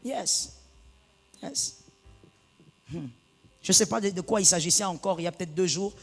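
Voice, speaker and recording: Gravelly woman preaching in an echoing hall. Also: fairly low pitch, normal speed. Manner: animated preaching that swings from hushed to loud. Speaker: pastor. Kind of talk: sermon. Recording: long reverb of a large hall.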